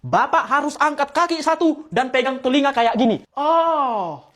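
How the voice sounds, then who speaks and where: High-voiced woman. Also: lively intonation, fairly bright tone. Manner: switches quickly between comic characters. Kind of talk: comic sketch acting.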